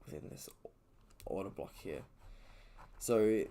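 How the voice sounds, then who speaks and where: A man with a fairly low voice talks through his trading chart live from home. He thinks out loud, loose and unhurried, with fillers and self-corrections. He sounds a little sleepy. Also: lively intonation. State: sleepy, yawning. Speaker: trader streaming his session. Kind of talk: casual live trading commentary. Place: indoors at home.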